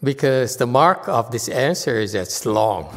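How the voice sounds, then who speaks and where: A man's voice: medium pitch, expressive, moderate pace, fairly bright tone, long reverb tail. A man teaching a Buddhist class, teasing and blunt with his students and laughing often. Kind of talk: Dharma class teaching with banter.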